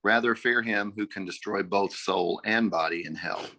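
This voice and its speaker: Deep-voiced man reading scripture aloud. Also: normal speed, sharp tone, poor audio. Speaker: class member reading scripture. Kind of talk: reading Bible verses aloud.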